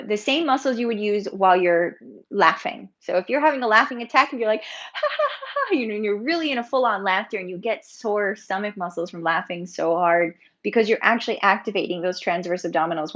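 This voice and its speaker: A woman yoga teacher talks her class through breathing drills in a loose, chatty way at a middle pitch. She laughs easily and keeps things informal. The sound is a bit dull and lo-fi, as from a computer mic on a video call. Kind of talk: live online breathing workshop.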